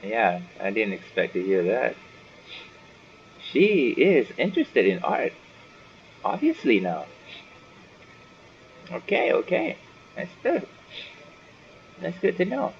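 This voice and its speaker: Speaking slowly with long pauses, this man has a mid-range voice whose pitch swoops wildly. As a gaming video host, he gives casual commentary, muttering his thoughts while playing. The recording comes from a dull lo-fi mic carrying faint noise.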